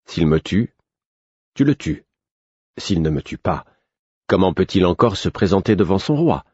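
A man reading a calculating prince who lays out his reasoning calmly and evenly, in a very low husky voice. The audiobook recording is dry and somewhat dull. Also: no echo, full character voice. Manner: measured, reasoning explanation. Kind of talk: audiobook character voice.

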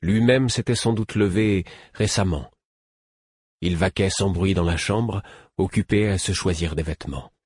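Narrateur de livre audio, voix d'homme très grave et voilée, enregistrement sec et proche. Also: male voice, low voice, unhurried, a little mellow, slightly rough, no echo, studio quality. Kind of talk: first-person novel narration.

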